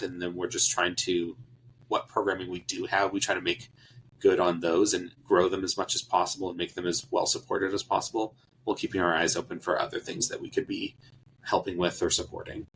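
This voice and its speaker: Very deep-voiced man, relaxed and rambling. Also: brisk, slight background noise, poor audio. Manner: relaxed, hedging with fillers and restarts. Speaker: charity staff interviewee. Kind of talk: conversational interview answers.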